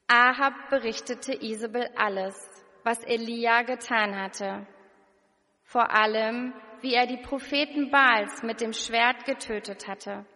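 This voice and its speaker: A woman's voice: on the high side, fairly even intonation, slow, bright, forceful tone, big-room sound. A woman preaching a sermon, reading scripture and asking the listener searching questions in an earnest way.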